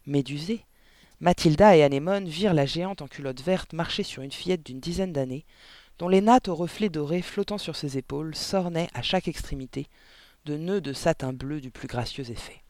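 A man's voice: fairly high pitch, moderate pace, darkish tone, dry recording. Man narrating a story, dramatic. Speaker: audiobook narrator. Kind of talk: expressive audiobook narration.

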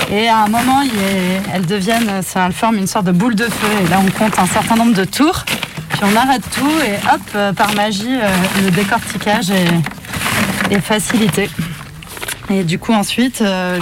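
A woman explaining a task casually while she works, in a hesitant, halting way. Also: medium pitch. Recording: loud handling noise, clicks and stirring.

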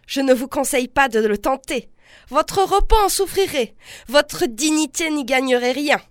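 A woman's voice: high voice, animated, moderate pace, dry recording, clean studio sound, voice pushed up. A woman reading as an icy, defiant young wife. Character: proud defiant young wife, cold and firm. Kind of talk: literary reading aloud.

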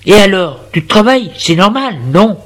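A man's voice: sits high, animated, moderate pace, fairly bright tone, voice pushed up. A man voicing a brusque young woman student who is curt and scolding in a spoken story.

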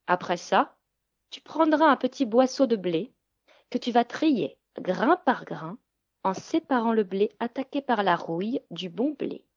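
A woman's voice: on the high side, expressive, no echo, dull audio. Baba Yaga, a woman doing a menacing old witch. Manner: growling, threatening, drawn-out words. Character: menacing old female witch, gruff and greedy. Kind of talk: storybook reading.

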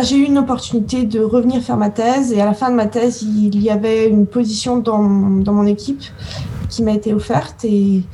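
Woman in her 30s, soft mellow tone, kinda hesitant answering questions, some noise behind her. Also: a little high, rough recording. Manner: hesitant, searching for words. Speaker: interview guest, scientist.

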